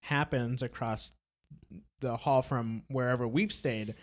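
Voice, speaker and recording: A Brazilian-born man with an American accent hosts a casual podcast interview. He sounds relaxed, speaks slowly at medium pitch, and often restarts his phrases.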